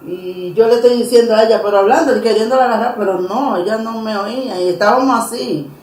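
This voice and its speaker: A woman telling her personal religious testimony in an interview, earnest and emotional, pausing and restarting often. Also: on the high side, darkish tone. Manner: earnest, emotional storytelling with many pauses and restarts. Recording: roomy echo.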